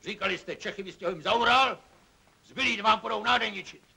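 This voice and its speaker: A weary German villager in an old 1950s film, his rather high voice gravelly and husky. He speaks gravely and resignedly, reasoning with the others. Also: sharp tone, heavily acted. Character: weary, sober-minded middle-aged German villager.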